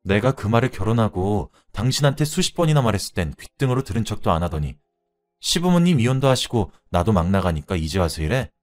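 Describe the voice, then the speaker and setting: A man voicing a furious, fed-up young wife who shouts and mocks her husband. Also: lowish voice, very animated, fast talker, faint music behind. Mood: cold, accusing. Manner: shouting, scornful, biting.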